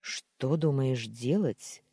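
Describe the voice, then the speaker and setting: A narrator voicing Kirill, a calm young man who speaks quietly and in a measured way. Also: mid-range voice, slightly rough, no echo, clean studio sound. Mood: stern.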